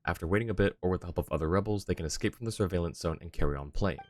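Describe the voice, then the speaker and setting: A tired man streams a game late at night in a low-pitched, rapid-fire voice, with a little hiss or hum in the recording. He chats casually about the gameplay, mumbling and relaxed, and reads game text aloud.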